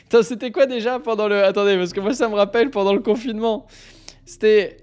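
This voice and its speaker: A man's voice: sits high, fairly even intonation, brisk, darkish tone, clean tone, faint music behind. Playful chatty man hosting a live stream. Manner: playful, chatty, often laughing at his own reading. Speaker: livestream host. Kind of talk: casual live-stream chat and reading.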